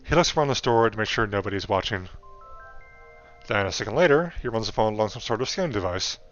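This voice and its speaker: A man with a lowish voice reads a visual novel aloud as a game streamer, adding casual remarks. The sound is somewhat dull, with some music behind him. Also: animated, fast, fairly bright tone.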